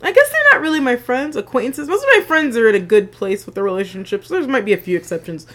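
A woman's voice: on the high side, very animated, fast, fairly bright tone. A woman in her thirties co-hosting a podcast in casual chat, chatty with trailing restarts and frequent laughter. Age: 30s. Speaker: podcast co-host.

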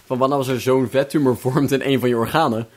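A man's voice: medium pitch, fairly even intonation, fast talker, darkish tone. A young man co-hosting a casual podcast, teasing his partner and joking around playfully. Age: young adult. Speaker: podcast co-host. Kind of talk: casual chat.

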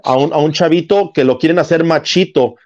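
A man's voice: on the high side, fairly quick, darkish tone. A man, co-hosting a casual podcast chat and explaining his views through long analogies. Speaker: podcast co-host. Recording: slightly dull lo-fi sound.

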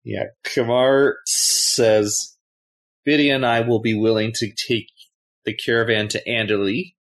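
A man's voice: medium pitch, steady tone, measured pace, poor audio. A man playing a tabletop game, casually narrating what his character does and says. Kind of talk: casual role-play narration.

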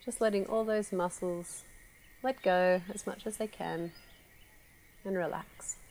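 A woman guiding a relaxation meditation, speaking slowly and softly with long pauses. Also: mid-range voice, a little hiss or hum. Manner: slow, soft, calm with long pauses. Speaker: meditation guide.

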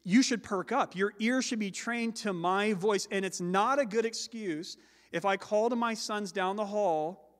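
Loud and high-pitched, a man who is a father and pastor gives a sermon that carries across a large, echoing hall. He stresses certain words, slowing down so they land.

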